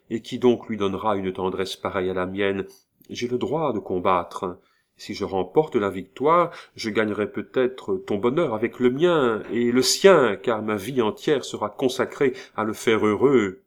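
A man's voice: on the low side, unhurried, close to an everyday voice. A man reading the part of a determined young woman in a novel, speaking firmly and steadily. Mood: resolute. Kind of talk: read-aloud novel dialogue.

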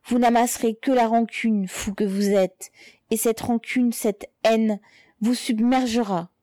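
A woman voicing a hoarse, defiant old mother. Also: a little high, fairly even intonation, unhurried, warm tone, no room sound, voice pushed up, natural voice. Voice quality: hoarse, strained cries. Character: defiant aging mother shouting at gendarmes.

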